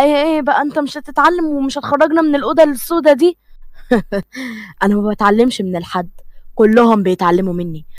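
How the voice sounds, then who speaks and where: Fast-reading Egyptian woman storyteller. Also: on the high side, darkish tone, no echo. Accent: Egyptian Arabic. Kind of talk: reading a romance story aloud, voicing all characters.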